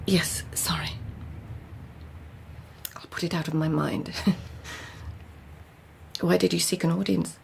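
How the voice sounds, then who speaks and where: A woman's voice: on the low side, steady tone, takes it slowly, gravelly, long pauses, slight background noise, full character voice. An actress playing a weary, fearful court lady in a radio drama, brooding and slipping into whispers. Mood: calmer, wry. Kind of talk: radio drama acting, intimate inner monologue and dialogue.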